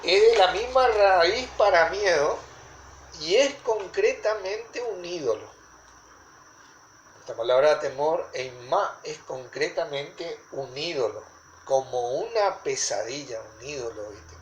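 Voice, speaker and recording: Slow guy preaching, hammers words over and over, roomy echo, faint hiss. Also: fairly high pitch, expressive. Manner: deliberate, emphatic repetition. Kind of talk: teaching sermon.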